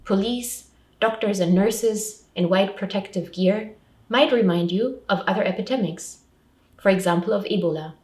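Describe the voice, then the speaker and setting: A woman with a medium-pitched, darkish voice presents a scripted public information talk as a support counsellor, giving simple, step-by-step advice in short, clearly structured sentences at a moderate pace. The distant microphone picks up a roomy echo.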